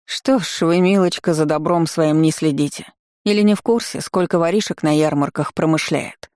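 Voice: medium pitch, normal speed, a little mellow, dry recording, studio quality, close to an everyday voice. A narrator voicing a nosy older woman stall keeper who lectures in a patronizing way.

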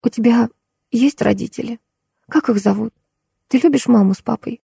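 A frail, sickly young patient, voiced by a woman reader who speaks faintly, close to a whisper, in a raised, gentle pitch. The tone is soft and mellow, in a dry audiobook reading. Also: moderate pace, gravelly, breathy edge, no room sound, heavily acted. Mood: weak.

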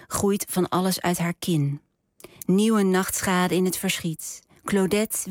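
Brief: female author, lowish voice, slow measured reading, dry close sound. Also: a little mellow, dry recording. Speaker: author reading from her novel. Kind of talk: literary reading and interview.

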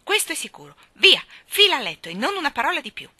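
A prim, no-nonsense nanny from a storybook, voiced by a woman reader, with firm, clipped lines pitched a little above the reader's own voice. The tone is bright and sharp. The voice is dry and close. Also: big pitch swings, fast, dry recording, full character voice. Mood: stern.

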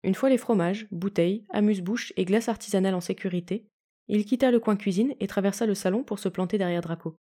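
A woman reading a fanfiction story aloud in calm, even audiobook narration. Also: medium pitch, quick pace. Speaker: fanfiction reader.

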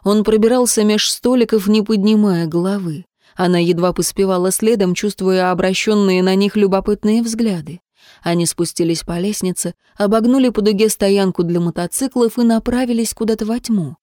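A woman narrating a romance novel as an audiobook, in an expressive, dramatic reading. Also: medium pitch, moderate pace, no room sound, clean studio sound.

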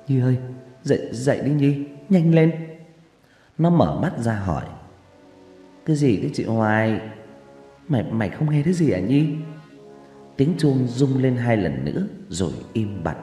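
A man narrating a horror story in a suspenseful, drawn-out delivery with dramatic pauses. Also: medium pitch, darkish tone. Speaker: audiobook narrator. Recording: echoey reverb with background music.

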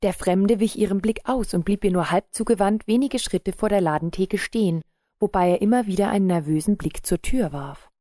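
A woman narrating an audiobook in a calm, measured read. Her voice is mellow and dark, at an ordinary pitch for a woman. The recording is close and dry. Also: no room sound.

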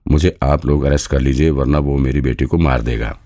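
A man's voice: a bass voice, steady tone, fairly quick, mellow. A man doing a stammering, desperate suspect. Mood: pleading. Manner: stammering, pleading. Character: nervous, desperate male suspect, a frightened father.

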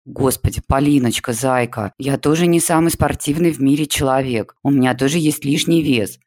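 A man's voice: mid-range voice, normal speed, darkish tone, close to an everyday voice. A man voicing an eager, fussing woman class teacher who coaxes her pupils in a story reading. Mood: coaxing. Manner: coaxing, gushing.

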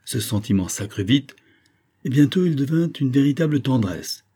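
A man's voice: medium pitch, expressive, moderate pace, mellow, breathy edge, pitched above the performer's own voice. A man reading aloud and voicing an earnest young colonel who explains himself insistently.

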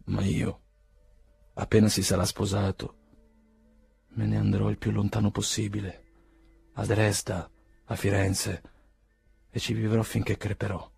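A man voicing a proud, ailing aristocrat nearly fifty, speaking in a measured, solemn, quiet way. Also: mid-range voice, steady tone, husky, no room sound. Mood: bitter.

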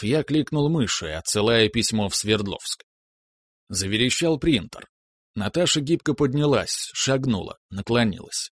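A man reading a first-person story aloud in a measured, wry storytelling manner. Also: mid-range voice, dry recording. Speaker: audiobook narrator. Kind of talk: scripted first-person narration.

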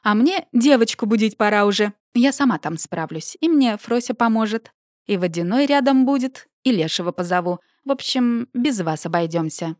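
A woman's voice: a little high, animated, moderate pace, a little mellow, no room sound, clean studio sound, lightly acted. A woman reading an audiobook, voicing a bossy, irritable woman with a snappy, scolding delivery. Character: bossy irritable older woman, sharp-tongued.

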